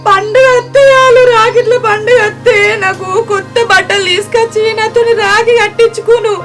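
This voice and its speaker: A woman's voice: extremely high pitch, steady tone, normal speed. A middle-aged woman playing a grieving widowed village mother, weeping and lamenting in a Telangana Telugu accent. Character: widowed village mother, older, mourning her brother. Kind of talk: village family drama acting. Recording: music playing behind.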